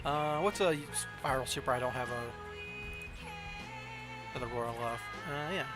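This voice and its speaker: Music plays under a man with a Southern accent, from the southern US, who casually chats on stream while playing a card game, thinking aloud and questioning himself. His voice is mid-range and his pace moderate.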